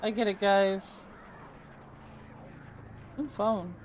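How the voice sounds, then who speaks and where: Slow-talking woman gamer. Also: mid-range voice, darkish tone, slight background noise. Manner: chatty, swearing, muttering to herself. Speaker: gaming streamer. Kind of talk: casual let's-play commentary.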